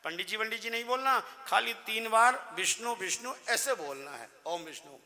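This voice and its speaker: Brief: a male narrator doing a lecturing, short-tempered village priest, bright tone, long hall reverb. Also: high-pitched, animated, full character voice. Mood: instructing. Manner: instructive, quick to anger. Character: irritable village priest man.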